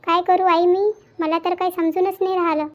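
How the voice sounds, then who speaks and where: A woman voicing a troubled young married daughter in a cartoon. She talks in a hesitant, pleading way with halting restarts. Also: extremely high pitch, level tone. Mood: tearful. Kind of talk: Marathi cartoon voice acting. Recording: dull lo-fi with faint background music.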